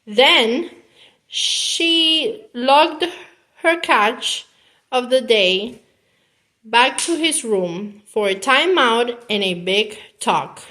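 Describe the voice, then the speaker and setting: A woman with a fairly high voice reads a children's picture book aloud, telling the story slowly and expressively.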